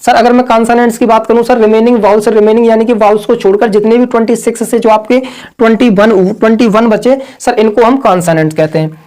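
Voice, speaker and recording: A man's voice: sits high, steady tone, fast talker, darkish tone. A man teaching an online grammar lesson. He repeats every point, drills the same lines, and keeps calling his listeners "sir" and "brother". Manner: over-pronounces the words he is correcting.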